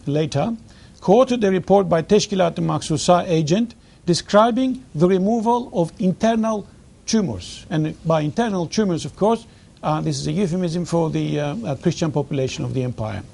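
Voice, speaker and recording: A man giving a historical lecture at a conference, earnest and halting, with many fillers and restarts, stressing key words. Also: high voice, creaky, a little mellow. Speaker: conference speaker.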